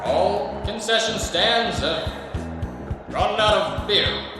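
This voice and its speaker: A formal male stadium announcer , played by a man, speaks through the stadium loudspeakers. His high voice moves at a slow, measured pace. It rings with a long hall echo from far across the stands. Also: animated, creaky, music in the background, full character voice. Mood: announcing. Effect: over stadium loudspeakers.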